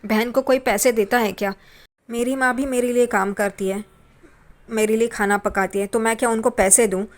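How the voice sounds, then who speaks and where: An indignant young husband who scolds his wife with pointed, reproachful questions, read out by a woman. The voice is fairly high and stays plain. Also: steady tone, moderate pace, lightly acted.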